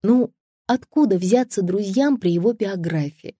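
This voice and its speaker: A quiet, cultured young woman who can be blunt and cutting, as a woman reads her. Her voice sits at a middle pitch. The audiobook sound is dry and close. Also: animated, a little slow, slightly rough, no echo. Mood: calm. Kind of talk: audiobook character voice.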